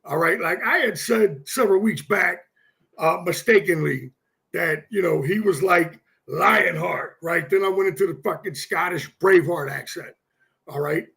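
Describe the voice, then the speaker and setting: A man co-hosting a football talk show, excitable and profane, often repeating himself as he makes his points. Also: high voice, normal speed, gravelly. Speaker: sports show co-host.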